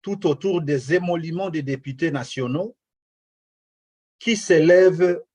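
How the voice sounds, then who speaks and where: A man from eastern DR Congo, a guest in a radio interview, speaking slowly and deliberately with many hesitations. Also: a little high, a little mellow, husky.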